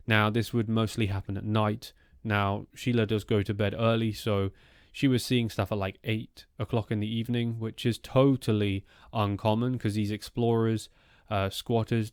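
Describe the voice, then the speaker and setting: A man's voice: on the low side, darkish tone, clear, resonant tone, no echo, studio quality. A man narrating strange true encounters as a storytelling host, in a conversational, rambling way with informal asides.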